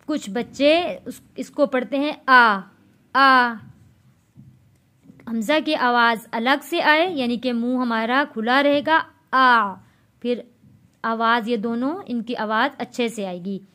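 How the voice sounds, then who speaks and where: A woman with a high voice teaches Quran reading in a patient recitation lesson. She spells out each letter and its vowel mark, then draws the syllables out slowly so a learner can repeat them. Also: fairly bright tone. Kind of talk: slow step-by-step recitation lesson.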